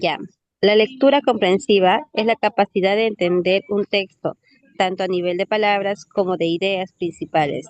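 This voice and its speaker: A woman's voice: mid-range voice, moderate pace, no room sound. A female student reading a definition aloud in class and then explaining it in her own words. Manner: reads steadily, then explains with "eh" and "¿no?". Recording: dull, lo-fi sound.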